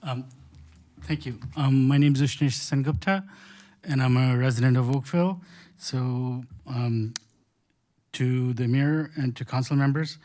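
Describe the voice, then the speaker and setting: A man's voice: mid-range voice, fairly even intonation, a little slow, warm tone. A man resident speaking hesitantly from the floor at a council meeting. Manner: hesitant, starts with fillers. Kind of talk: public comment.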